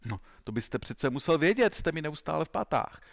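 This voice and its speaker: A man's voice: fairly high pitch, sing-song, vocal fry, no echo, clean studio sound, voice pushed up. A man voicing a timid male suspect who whines and protests his innocence. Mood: pleading.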